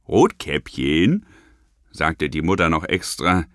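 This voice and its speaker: Man, comic fairy-tale narration, salty sailor yarn manner, very animated, dry sound. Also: mid-range voice, takes it slowly, dry recording. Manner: salty old-sailor yarn spinning, mock-earnest asides. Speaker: storyteller.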